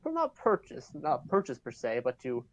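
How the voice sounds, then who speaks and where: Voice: medium pitch, huge pitch swings, moderate pace. A player voicing a polite adventurer who stumbles over words while greeting some dwarves. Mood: ingratiating. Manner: hesitant, searching for words.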